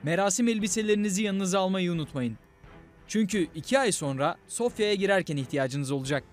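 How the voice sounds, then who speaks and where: A proud, confident Ottoman commander, performed by a man, speaking in a dramatic documentary reading. The voice sits fairly high, with faint music underneath. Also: lively intonation, fairly quick. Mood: boastful. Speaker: voice actor reading period quotes.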